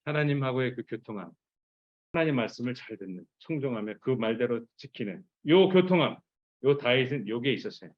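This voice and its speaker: A man preaching a sermon to teenagers, animated and acting out what Bible figures say in their own voices. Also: medium pitch, fairly quick, highs cut off. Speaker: youth pastor.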